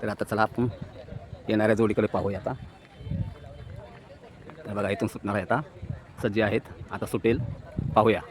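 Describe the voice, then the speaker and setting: A man's voice: lowish voice, normal speed, pauses often. A man giving live commentary at an outdoor race, talking to viewers as friends and repeating "look" again and again. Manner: repeats "look" over and over, excited as carts pass. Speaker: vlogger commentating a bullock cart race. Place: outdoors at a rural bullock cart race. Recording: loud outdoor crowd and noise. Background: loud crowd and noise of a race.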